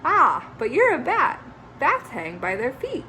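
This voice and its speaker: A woman voicing a loud, blunt grown bat who speaks in a teasing, matter-of-fact way. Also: high-pitched, wildly swooping pitch, a little slow, a little hiss or hum, voice pushed up, exaggerated voice.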